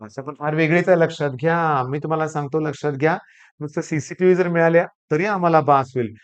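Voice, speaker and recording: A man's voice: on the high side, steady tone, quick pace, smooth. A male teacher from Maharashtra with a Marathi accent, talking emphatically to camera and repeating catchphrases to his students.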